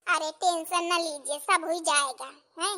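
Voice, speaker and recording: A woman's voice: very high voice, measured pace, sharp tone, full character voice. A woman voicing a fussy, caring middle-aged mother-in-law in a cartoon story. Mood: coaxing. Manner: coaxing, fussing. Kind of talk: cartoon voice acting.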